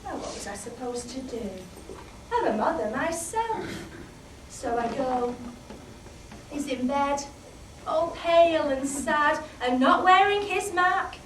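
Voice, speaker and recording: A British woman playing a chatty, candid middle-aged housewife in a solo comic monologue, swinging from hushed asides to loud outbursts. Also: high-pitched, animated, slow pace, full character voice. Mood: animated. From Britain. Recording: roomy, distant mic, faint background noise.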